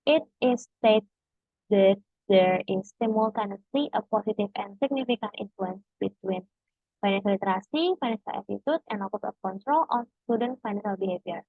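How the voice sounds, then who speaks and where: Halting young Indonesian woman, muffled audio. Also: medium pitch, gravelly, no echo. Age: young adult. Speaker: student presenting a thesis defense. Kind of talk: formal academic presentation, reading out results.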